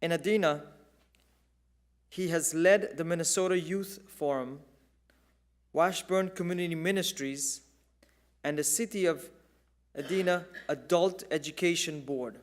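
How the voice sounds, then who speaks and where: A man reading a formal, measured introduction of a keynote speaker. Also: fairly high pitch. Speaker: event presenter. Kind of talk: scripted introduction.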